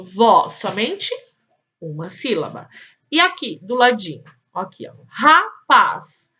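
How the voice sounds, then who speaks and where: Slow, bright-voiced woman teaching children. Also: fairly high pitch. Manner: slow, sing-song questioning, stretching words for children. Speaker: primary school teacher. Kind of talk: remote lesson for young children.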